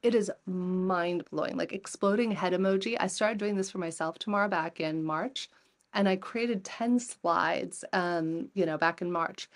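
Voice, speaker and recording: A woman in her forties, speaking a little low for her sex, talks with a guest's easy energy. She tells her anecdotes vividly and slips into the voices of the people she quotes. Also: measured pace. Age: 40s. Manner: lively storyteller who acts out quoted dialogue. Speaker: podcast guest, entrepreneur and coach. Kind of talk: conversational interview storytelling.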